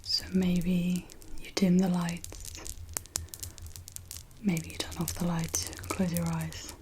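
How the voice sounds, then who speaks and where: Slow whispering woman, soothing pep talk. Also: on the low side, level tone, slight background noise. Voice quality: unvoiced breathy whisper. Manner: slow, gentle, reassuring guidance with pauses. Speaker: ASMR host guiding relaxation.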